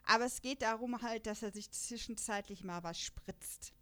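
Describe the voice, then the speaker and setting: Her voice is fairly high, pushed, and bright, at a normal speed. As host of a laid-back podcast discussing an audio drama, this young woman chats on at length, full of filler words and laughing between her points.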